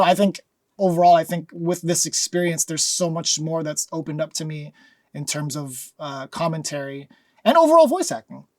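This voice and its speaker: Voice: medium pitch, a little mellow, no room sound. Reflective commentator, dry close sound. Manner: reflective, filler-heavy. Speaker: fighting game commentator. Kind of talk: casual interview.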